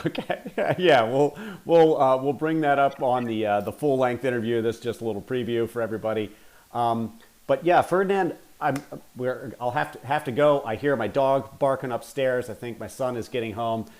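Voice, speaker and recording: A man's voice: medium pitch, fairly quick, darkish tone. A man hosting an amateur podcast, talking in an easygoing way with fillers. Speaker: podcast host. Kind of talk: casual podcast interview.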